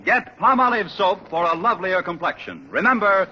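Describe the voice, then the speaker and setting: A man's voice: high voice, animated, normal speed, slight background noise. A man announcing a show and its sponsor in an emphatic, polished 1940s radio style on a muffled old broadcast.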